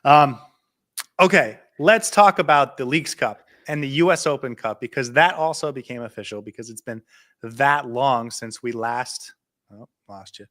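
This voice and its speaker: A man co-hosting a casual podcast, talking excitedly and quickly until he runs short of breath. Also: medium pitch. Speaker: podcast co-host. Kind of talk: casual chat.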